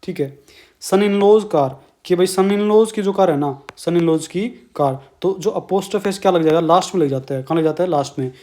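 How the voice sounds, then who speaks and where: A man's voice: high voice, normal speed, mellow. A man with an Indian accent teaching an exam-prep grammar lesson, explaining step by step and asking and answering his own questions.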